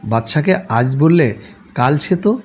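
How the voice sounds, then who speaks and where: A man voicing a scolding, sharp-tongued old grandmother in a read-aloud novel, shrill and scornful. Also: animated, measured pace, a little hiss or hum.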